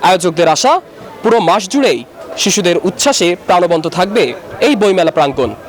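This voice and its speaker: A man's voice: high-pitched, expressive, brisk. A Bangladeshi man narrating a scripted television news report as the reporter. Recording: crowd chatter behind narration.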